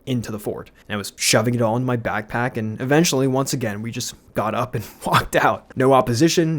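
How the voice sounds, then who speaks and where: A young man, a YouTuber, telling a storytime with animation, laughing and swearing freely. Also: medium pitch. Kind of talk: storytime narration.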